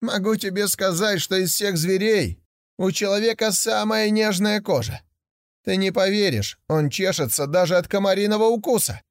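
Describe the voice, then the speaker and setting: A man's voice: high voice, moderate pace, no echo, clean studio sound, pitched above the performer's own voice, natural voice. A man voicing a big, patient male camel in a storybook tale, chatty and explaining in a raised voice.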